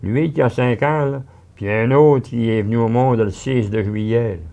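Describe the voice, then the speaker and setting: A man voicing a brisk, commanding middle-aged farm mother with a Québécois accent. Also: mid-range voice, creaky, dark tone, pitched above the performer's own voice, natural voice. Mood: bossy. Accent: Québécois French.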